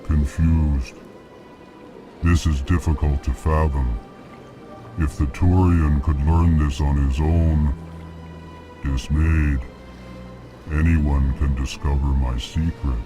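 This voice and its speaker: Over music, a man with a bass voice plays a slow, ponderous alien merchant in a video game. He speaks flatly, formally and deliberately, sounding puzzled as he announces each of his emotions out loud.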